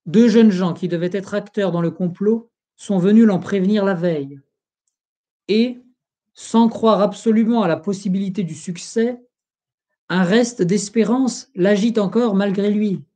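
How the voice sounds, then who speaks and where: Narrator: solemn audiobook reader of an old history book, mellow, steady. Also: mid-range voice, a little slow. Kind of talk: reading a history book aloud.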